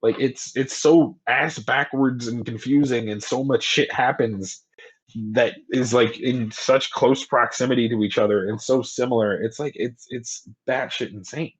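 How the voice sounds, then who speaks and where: A young man co-hosting a podcast in casual chat, retelling things in a rambling, profane way and slipping into quick mock voices. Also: mid-range voice, fairly even intonation, husky. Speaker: podcast co-host. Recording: slightly dull lo-fi audio.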